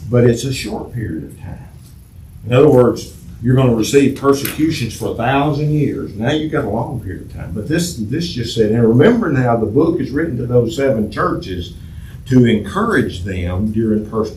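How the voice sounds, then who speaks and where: A man's voice: mid-range voice, a little mellow. Man teaching a church Bible class, echoey. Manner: conversational, repeats words and restarts, asks the class questions. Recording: echoey room from far off, faint noise.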